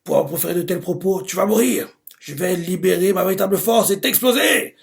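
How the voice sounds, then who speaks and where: A man putting on a proud young water wizard who has lost his mind. The voice sits a little high and climbs into loud, declamatory threats. It is a comic-reading voice rather than full character acting. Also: normal speed, vocal fry. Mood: enraged. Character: arrogant unhinged young male water wizard.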